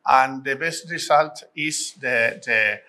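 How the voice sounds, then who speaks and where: A middle-aged man from the Basque Country with a Basque accent, explaining in measured second-language English as an interviewee. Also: medium pitch, pushed and bright. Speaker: interviewee, language rights advocate.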